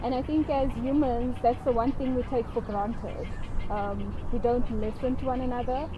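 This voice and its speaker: Young South African woman, somewhat high voice, reflective, muffled lo-fi recording. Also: fairly even intonation, normal speed, background noise. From Eldorado Park, South Africa. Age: 20s. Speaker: journalist sharing her story. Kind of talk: personal testimony to camera.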